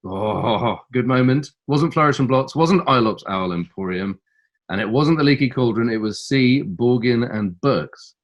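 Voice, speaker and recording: A man's voice: medium pitch, expressive, measured pace, lo-fi sound. A middle-aged man co-hosting a quiz, reading answer options with teasing relish. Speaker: quiz co-host.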